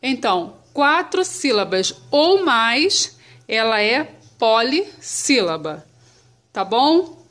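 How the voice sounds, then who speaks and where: A woman teaching children about syllables, patient and clear, sounding words out slowly. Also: sits high, expressive, a bit bright. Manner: slow, patient, spells syllables out.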